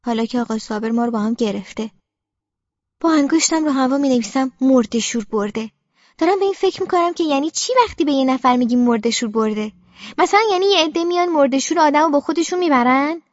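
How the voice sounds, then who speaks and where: A woman with a very high voice reads an audiobook in the first person as a young girl. Her delivery is quiet, subdued and brooding. The recording is dry and close, and its sound is slightly muffled and dull. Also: expressive, no echo. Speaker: audiobook narrator.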